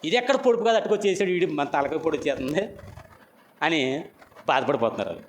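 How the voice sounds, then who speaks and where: A middle-aged male preacher telling a Bible story in an animated way, acting out the characters' lines. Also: a little high, fast talker, slight background noise. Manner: animated storytelling, acts out quoted voices. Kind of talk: sermon, Bible story retelling.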